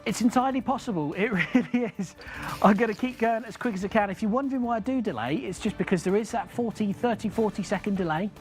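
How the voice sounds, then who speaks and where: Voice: mid-range voice, fast talker, darkish tone. A bingo caller hosting a live game show, chatting casually, repeating each number with its nickname and building suspense. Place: studio. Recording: music behind the voice.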